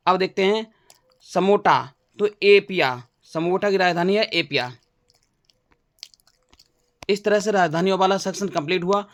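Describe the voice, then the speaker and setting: Male teacher, higher voice, close dry mic, drills facts with playful wordplay tricks. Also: measured pace, long pauses, fairly bright tone, no room sound. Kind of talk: exam-prep general knowledge lesson.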